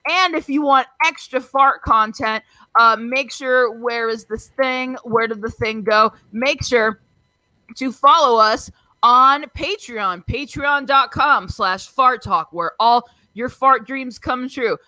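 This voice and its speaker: A woman's voice: fairly high pitch, slow pace, pushed and bright, no echo, low-quality recording. A woman in her thirties hosting a crude comedy podcast, bawdy and self-mocking, giggling often. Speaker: podcast host.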